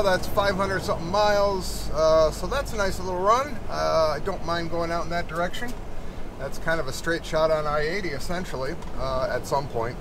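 Chatty trucker over loud road noise. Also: male voice, sits high. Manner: chatty, joking, talks to himself. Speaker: truck driver vlogger. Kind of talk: casual narration while driving. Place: inside a truck cab. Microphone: camera mounted in cab.

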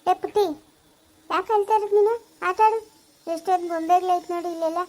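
A woman playing a gentle orphanage caretaker who soothes a crying child with repeated coaxing words, in a homemade family skit. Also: very high-pitched, fairly even intonation, quick pace, background noise. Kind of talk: amateur family skit acting.

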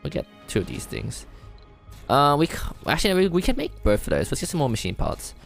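Gravelly, animated man playing a game. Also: mid-range voice, brisk. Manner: thinks aloud, self-deprecating, excitable outbursts. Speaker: gamer playing a strategy game. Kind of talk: casual let's-play commentary. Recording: faint game music behind.

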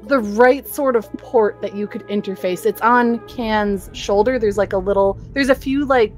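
A young woman running a tabletop game as game master, describing scenes in an unhurried, conversational way. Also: medium pitch, soft background music. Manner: descriptive, unhurried, with laughs and fillers.

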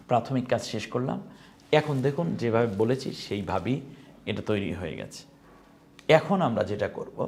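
A man's voice: lowish voice, darkish tone. A man teaching Quran reading, patiently naming letters and their dots one by one. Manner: chanted recitation, slow and drawn out. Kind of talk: step-by-step lesson on Arabic letters.

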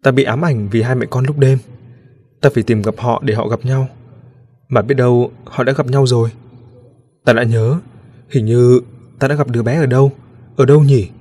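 Guy reading a spooky ghost story, steady and measured, mid-pitched voice. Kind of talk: scripted ghost story narration.

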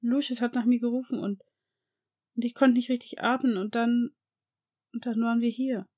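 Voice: mid-range voice, flat delivery, moderate pace, darkish tone, no echo, studio quality, voice pushed up, natural voice. A reader doing a stammering frightened boy. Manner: stammering, trembling. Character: frightened young boy wizard, shaken. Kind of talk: audiobook fan reading.

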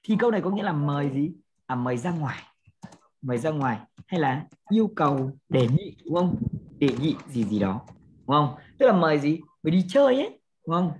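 A woman with a low voice and a Vietnamese accent leads an English class, explaining step by step and often asking her students if they follow. Faint background noise sits under her voice. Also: expressive, a little fast, a little mellow. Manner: explains step by step with frequent check-in questions. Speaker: English teacher. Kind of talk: classroom lesson.

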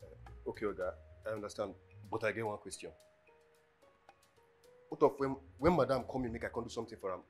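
Actor as a jittery Nigerian Pidgin houseboy, fast and fumbling, lowish voice, music behind. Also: male voice, natural voice. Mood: nervous. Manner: stammering, pleading. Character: timid young male houseboy, fearful and fumbling.

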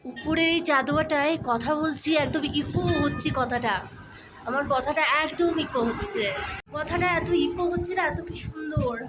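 A woman's voice: high-pitched, moderate pace, over music, a crowd in the background. A woman vlogging outdoors in the mountains in a chatty, exclaiming way, her voice echoing under a stone canopy. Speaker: travel vlogger. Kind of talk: casual travel vlog narration.

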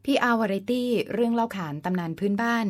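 This folk-tale channel host has a fairly high voice and talks fairly quickly. Her scripted story is told politely and explanatorily, with phrases closing on the particle ka and occasional letter-by-letter spellings.

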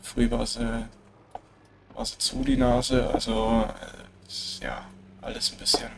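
Heavy background noise surrounds a slow, creaky, mid-range male voice with a German accent, nasal from a cold. He's a let's play gamer narrating his farming game in a relaxed, chatty way, dropping filler tags often.

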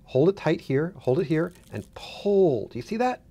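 Higher-voiced man giving a casual tutorial. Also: very animated, moderate pace, mellow. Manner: instructive, repeats himself for emphasis. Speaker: demonstrator, guest.

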